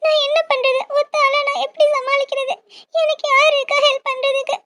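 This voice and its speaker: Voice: very high-pitched, flat delivery, a little fast. A performer voicing a young woman in a cartoon, a lovesick younger sister who pleads in distress. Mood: upset. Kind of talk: cartoon voice acting.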